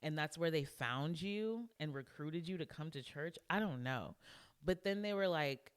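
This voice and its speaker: A young adult woman co-hosting a podcast, telling a story in a casual, animated way and acting out what people said. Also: sits low, normal speed, smooth. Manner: animated storyteller who acts out quotes. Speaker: podcast co-host. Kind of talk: casual chat.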